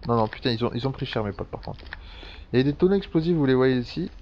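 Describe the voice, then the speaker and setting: A man's voice: mid-range voice, animated, quick pace, a little hiss or hum. Chatty swearing French let's-play man. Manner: chatty, swears a lot, thinks aloud. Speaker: gameplay commentator. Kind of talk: casual let's-play commentary. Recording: dull lo-fi sound with faint background ambience.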